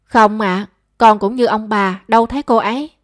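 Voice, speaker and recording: A woman's voice: mid-range voice, steady tone, moderate pace, dry recording, clean studio sound, lightly acted. A woman voicing a timid young housemaid. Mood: flustered.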